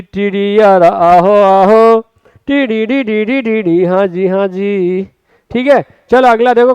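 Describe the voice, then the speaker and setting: A man teaching a spoken exam-prep Hindi lesson, lively, stretching words out and calling his students friends, with a Rajasthani Hindi accent. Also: high voice, clear, resonant tone, no room sound, dull audio. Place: classroom or studio.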